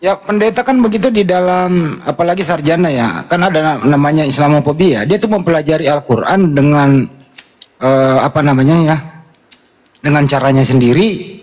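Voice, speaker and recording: A man hosting a casual live chat, telling stories in an animated way and acting out the exchanges he quotes. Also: on the high side, moderate pace. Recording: long hall reverb.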